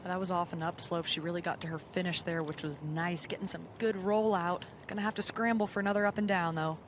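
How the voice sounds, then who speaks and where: A woman's voice: on the low side, steady tone, fast. A woman working as a golf commentator, analysing shots and putts during live play. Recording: loud background noise over voice.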